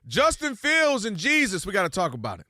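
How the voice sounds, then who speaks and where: A man co-hosting a sports talk show, jumping in with quick agreements in a casual debate. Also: high-pitched, a little hiss or hum. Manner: quick agreeing interjections, very animated.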